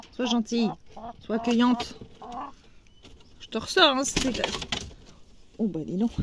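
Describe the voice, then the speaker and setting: A woman's voice: a little high, noisy background. A woman vlogging at her chicken coop, talking to her hens in an affectionate, coaxing way. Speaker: home vlogger. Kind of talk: casual vlog chat.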